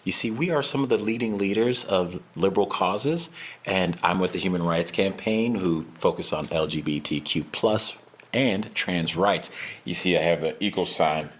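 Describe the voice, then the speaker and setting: A man in a comedy sketch, earnest and self-righteous. His voice is very low, with a husky edge. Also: moderate pace. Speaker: sketch actor. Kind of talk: satirical sketch acting.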